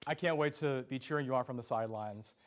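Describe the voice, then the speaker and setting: A young man anchors a student sports news program, his delivery earnest and scripted. His voice sits right at a middle pitch. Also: fast talker, heavy background noise. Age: young adult. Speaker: student sports show host.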